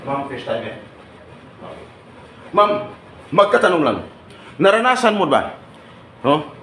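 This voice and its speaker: Male seminar trainer, teasing banter, slightly high voice, echoey training room, noisy background. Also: big pitch swings, measured pace, sharp tone. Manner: teasing, banters with the audience, often asks "right?". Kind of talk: live seminar talk to trainees.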